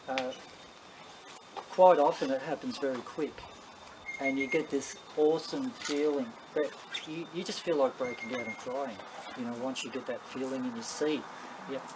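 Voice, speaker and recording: An Australian man giving a casual, rambling, matter-of-fact talk to a group as a paranormal investigator, telling anecdotes. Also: mid-range voice. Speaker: paranormal investigator leading a session. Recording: clearly noisy live ambient recording.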